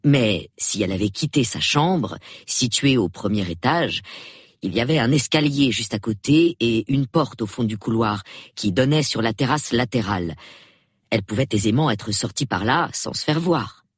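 A man narrating a detective novel in measured, expressive storytelling. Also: medium pitch, breathy edge, no echo, studio quality. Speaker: audiobook narrator.

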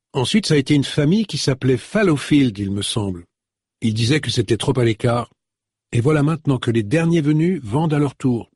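Audiobook casting: a man playing a young woman, eager and emotional, raised husky voice, close dry sound. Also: medium pitch, a little mellow, no room sound.

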